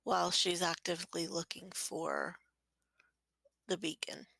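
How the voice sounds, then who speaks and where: A woman playing a tabletop role-playing game, describing her character's actions in a measured, hesitant, casual way. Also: lowish voice, flat delivery, creaky, bright, forceful tone, no echo.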